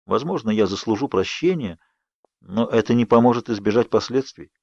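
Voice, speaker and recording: A man voicing Edward, a sorrowful ageless vampire who speaks softly and with resignation, in an audiobook. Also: lowish voice, animated, moderate pace, no echo. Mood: resigned. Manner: soft, murmured, resigned. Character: sorrowful ageless vampire youth, gentle and restrained. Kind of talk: audiobook character reading. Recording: dry, slightly dull studio read.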